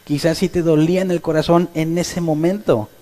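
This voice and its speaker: Animated man preaching a sermon. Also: on the high side, normal speed. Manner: animated, acts out quoted voices of the congregation. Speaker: pastor.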